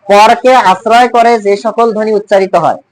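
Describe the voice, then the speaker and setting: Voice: mid-range voice, steady tone, fairly quick, crowd noise, poor audio. A teacher, giving a classroom lesson on speech sounds, explaining patiently and quizzing students with repeated terms.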